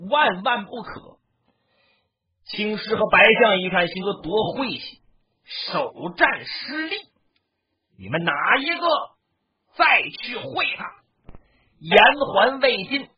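A traditional storyteller narrating a battle tale dramatically, with shouted lines and mouth sound effects. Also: mid-range voice. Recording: dull lo-fi recording.

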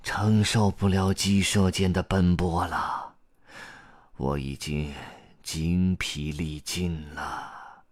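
Man playing a tired old grandpa storyteller, slow and sighing, storybook reading, dry close sound. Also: on the low side, lively intonation, no echo, voice pushed up. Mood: weary. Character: weary, tearful old male storyteller grandpa.

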